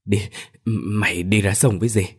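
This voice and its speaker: A man's voice: lowish voice, fairly even intonation, moderate pace, slightly rough. Man as an older village woman, sobbing and stammering, storybook. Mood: shaken. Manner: sobbing, broken words.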